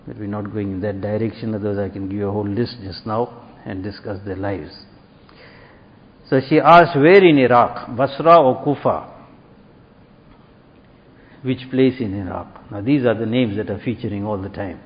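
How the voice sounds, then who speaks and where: A man's voice: on the low side, normal speed, long pauses. A man preaching a sermon, retelling a story and acting out its dialogue with rising emphasis. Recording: dull lo-fi recording with long hall reverb.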